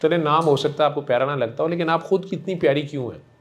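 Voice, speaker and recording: A man counseling a patient in a gentle, coaxing and affectionate way, repeating himself warmly. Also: fairly high pitch. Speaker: spiritual healer counseling a patient. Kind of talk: one-on-one counseling session.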